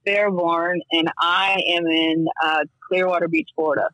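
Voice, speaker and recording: A woman's voice: on the low side, steady tone, a little slow, fairly bright tone, dry recording, rough recording. A woman co-hosting a casual podcast from a remote call line that sounds like a tin can. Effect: thin tin-can sound of a remote call line. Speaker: co-host. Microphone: remote call connection.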